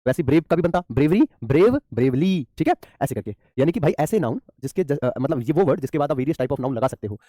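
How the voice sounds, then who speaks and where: Male English teacher, rapid-fire delivery, mellow tone, quizzes students and answers himself. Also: fairly high pitch, animated, dry recording, clean studio sound. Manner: addresses students as beta, asks and answers his own questions. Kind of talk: online grammar class.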